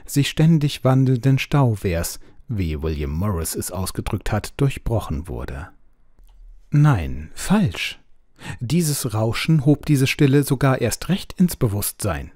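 Warm, expressive male story narrator. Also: medium pitch, dry recording, studio quality. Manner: measured, expressive reading. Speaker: audiobook narrator.

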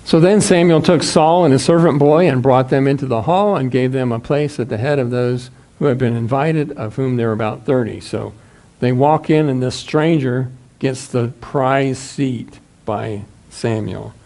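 A man in his sixties, a pastor with a Midwestern American accent, preaches in a small church sanctuary. His voice is warm and mellow, at a middle pitch. He talks in a measured, steady way and picked up by a room mic. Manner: measured, reads scripture aloud from a booklet. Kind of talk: sermon.

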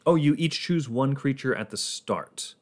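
A man's voice: mid-range voice, expressive, unhurried, darkish tone. A man casually talking through his moves in a board game on a livestream, rambling and laughing often.

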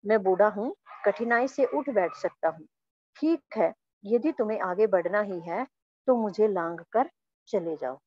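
A woman voicing an old, weak male monkey who gently pleads to be left alone as she reads a story lesson aloud. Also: mid-range voice, animated, measured pace, lo-fi sound. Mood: weary. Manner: soft, plaintive storytelling voice.

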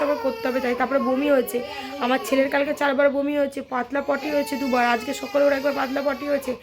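A young woman with a sore throat, vlogging at home in a tired, weary way. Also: sits high. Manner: tired, complaining, talks to her child. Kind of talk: casual chat. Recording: noisy home phone recording.

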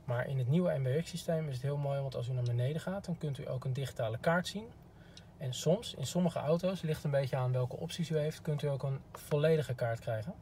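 This man's voice is medium in pitch, brisk, and dark. Recorded inside a parked car with a clean background, he offers a friendly, informal how-to demo as a car product expert.

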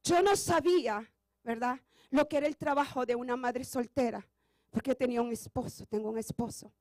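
A woman pastor preaching a sermon with passion, often building to shouts. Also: fairly high pitch, a little fast, no echo. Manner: impassioned preaching that rises to shouts.

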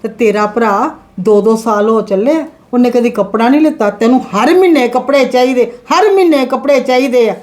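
A woman's voice: on the high side, lively intonation, normal speed, few pauses, darkish tone, natural voice. An actress playing a strict, frugal mother of two sons in a family drama, lecturing in an exasperated, scolding way. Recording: echoey room with faint noise.

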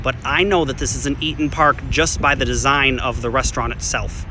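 A vlogger in his thirties walks casually past an empty restaurant and then reviews food inside a diner, chatting easily with frequent ums. His mid-range voice is brisk with fairly even intonation. He films on a phone camera held at arm's length, with background noise audible.

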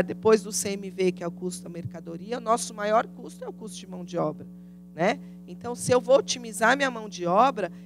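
A woman in her thirties with a Brazilian Portuguese accent gives a business lecture in a conference room, speaking into a handheld microphone and often asking rhetorical questions. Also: mid-range voice. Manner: didactic, asks rhetorical questions, frequent tag "né?". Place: conference room with audience, indoors.

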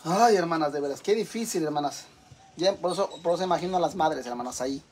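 A man's voice: on the high side, fast, darkish tone, a little hiss or hum. Man, Mexican accent, middle-aged, exasperated casual rant, heavy swearing, home kitchen. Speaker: vlogger. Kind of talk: casual profane rant to viewers.

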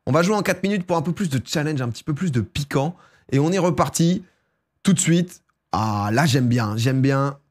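Excitable young man streaming live. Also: normal speed. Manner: excitable, swings to loud high bursts. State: sore throat. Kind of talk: casual live-stream chat.

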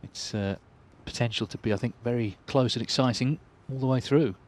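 A man giving measured snooker commentary as a match commentator. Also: medium pitch, a little mellow.

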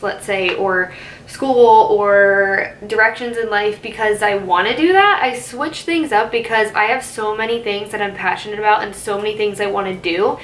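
A woman's voice: mid-range voice, fairly bright tone, roomy sound, a little hiss or hum, rough recording. A young woman in her twenties talking casually to camera in a vlog, full of "like" and little asides. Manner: chatty, filler-heavy, with "like" and "I guess you could say". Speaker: vlogger. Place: car, then bedroom at home.

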